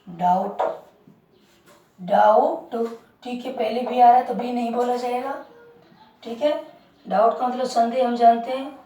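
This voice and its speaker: A woman's voice: on the high side, level tone, normal speed, dark tone. A woman teaching English word pronunciation as a lesson, repeating words and asking the class questions. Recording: roomy, distant mic.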